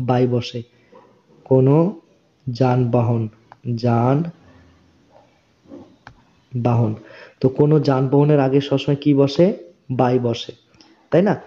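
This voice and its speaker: A male English teacher, speaking very slowly in a dark, mellow voice. He repeats each phrase and breaks it down word by word. The recording is dull and lo-fi. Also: medium pitch. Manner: slow, deliberate repetition of phrases with word-by-word explanation. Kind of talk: spoken English lesson for Bengali speakers.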